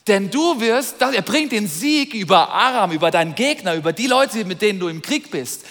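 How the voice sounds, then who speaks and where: Animated preacher in an echoing hall. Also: male voice, high-pitched, moderate pace. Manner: animated, retells scripture with vivid asides. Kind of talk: sermon storytelling. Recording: long reverb of a large hall.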